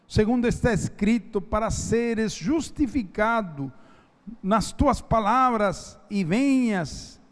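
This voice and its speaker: High, lively preaching man, echoey hall. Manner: emphatic, slow, drawn-out preaching cadence. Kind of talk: sermon with Bible reading. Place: church.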